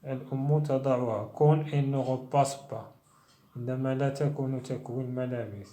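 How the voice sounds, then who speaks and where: A man teaching a bilingual reading lesson. He reads each phrase slowly and carefully, then translates it more quickly. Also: mid-range voice, fairly even intonation, dark tone. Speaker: French teacher. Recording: echoey room.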